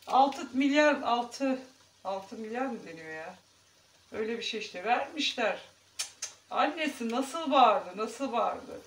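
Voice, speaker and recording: A woman's voice: mid-range voice, echoey room, far from the mic, slight background noise. A woman chatting casually to her viewers as she cooks at home, talking in a homely vlog style. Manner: chatty, talks to viewers while cooking. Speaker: home cooking vlogger. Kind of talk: casual cooking vlog chat. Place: home kitchen.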